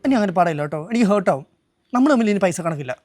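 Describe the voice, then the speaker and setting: A man's voice: sits high, animated, rapid-fire, a little mellow. An actor playing a cheeky young man who bickers in teasing, mock-insulting banter in a short drama, with music behind. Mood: apologetic. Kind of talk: Malayalam short drama acting. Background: background music.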